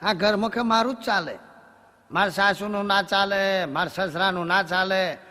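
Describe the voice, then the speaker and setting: A woman's voice: mid-range voice, normal speed, sharp tone, in a large hall, close to an everyday voice. A man voicing a bossy village housewife who boasts that she rules her home, in a proud, bragging manner. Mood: boastful.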